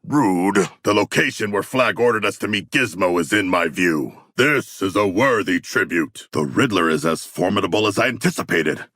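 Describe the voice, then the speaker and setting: A man playing a hulking, earnest shark warrior in a video game, speaking in stilted, grandiose, formal phrases with a gravelly, rough voice. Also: low-pitched, animated, moderate pace, hardly any pauses, a bit bright, no room sound, clean studio sound. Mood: dry, thoughtful. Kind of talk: video game character voice lines.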